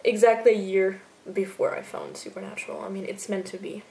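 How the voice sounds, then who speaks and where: A German-speaking Austrian woman who edits fan videos answers viewer questions in a casual Q&A vlog, her mid-range voice gravelly and dark, flat in delivery and fairly quick. She's chatty and laughs easily, full of fillers like "like," and the recording is low quality.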